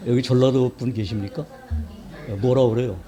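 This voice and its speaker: A man preaching from the pulpit of a church sanctuary, his voice sitting at an ordinary middle pitch. He keeps the sermon conversational and often stops to ask the congregation questions. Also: steady tone, normal speed, warm tone, soft background music.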